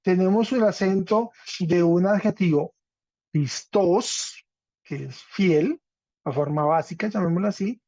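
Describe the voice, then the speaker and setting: A man's voice: high-pitched, moderate pace, a little mellow, no echo. A man teaching a Greek class online, explaining step by step and often checking in with his students. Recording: dull, dry lo-fi audio.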